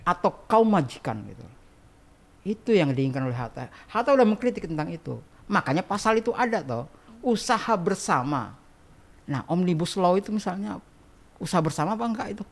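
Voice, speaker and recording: A man's voice: sits high, animated, fairly quick. A man guest on a casual podcast interview, explaining things in a chatty way and asking rhetorical questions. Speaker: guest archivist.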